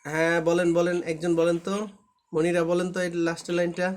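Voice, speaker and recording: High-pitched male tutor, drilling reading rules over an online class and checking that students follow. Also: completely flat delivery, quick pace. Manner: patient, repetitive, often checks understanding. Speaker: Quran recitation teacher. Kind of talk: live online class instruction. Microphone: online live class.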